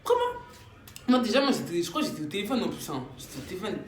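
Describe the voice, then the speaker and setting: A young woman tells a story in a casual, slangy way, her pitch leaping as she acts out quotes. Her voice rings a little in an echoey room with faint noise behind it. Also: huge pitch swings, fast talker. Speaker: vlogger.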